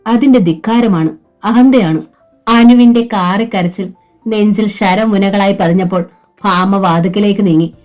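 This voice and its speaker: A woman's voice: mid-range voice, a little slow, darkish tone, soft background music. A woman narrating a novel as an audiobook, telling it steadily and acting out the quoted lines.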